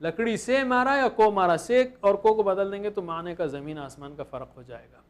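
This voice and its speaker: A man's voice: high-pitched, normal speed. A man teaching grammar in a lecture, patiently repeating each example step by step. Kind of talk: classroom lecture.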